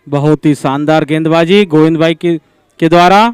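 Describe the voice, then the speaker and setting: A man with a high, exceptionally clear voice announces a live cricket match. He gives scores in formal phrasing, and the sound is dry. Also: fairly even intonation, moderate pace, no echo. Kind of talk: live cricket scoring commentary.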